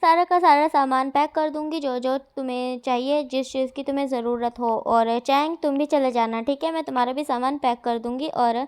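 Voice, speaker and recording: A woman voicing a caring, gently stern mother in a story reading, soothing and coaxing. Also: sits high, fairly even intonation, normal speed, few pauses, smooth, lightly acted. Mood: gentle firm.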